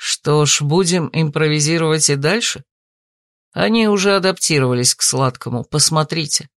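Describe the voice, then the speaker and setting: A woman putting on a courteous, composed man for an audiobook, his voice dropped well below her own and spoken in a measured, politely amused way. It sounds dry and close, with no room around it. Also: deep voice, no room sound, pitched below the performer's own voice. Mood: calm. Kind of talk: audiobook character voice.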